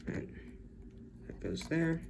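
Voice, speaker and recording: A man's voice: slow pace, background noise. A man thinking aloud, hesitant and unsure, as he tinkers with a circuit, recorded on a camera's built-in mic. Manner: hesitant, unsure, many self-corrections. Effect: camera-recorded audio. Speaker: hobbyist building circuits.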